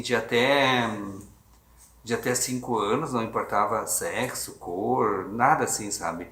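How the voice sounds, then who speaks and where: A man's voice: medium pitch, a bit bright. A man, an adoptive father telling his story in a hesitant documentary interview with many restarts. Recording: echoey room on a phone.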